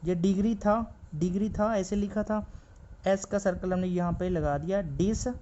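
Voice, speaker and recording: A man with a high, warm voice and steady tone, speaking at a moderate pace, teaches a stenography class. He explains shorthand strokes while writing them and repeats each word several times. The lo-fi recording is slightly dull, with faint background noise.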